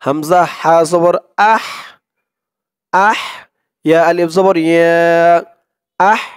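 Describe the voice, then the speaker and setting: A man with a Bangladeshi accent teaches Arabic prayers. He spells out the syllables quickly, then chants the whole words slowly. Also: on the high side, flat delivery, clear, resonant tone, dry recording, clean studio sound. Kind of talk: spelled-out recitation lesson.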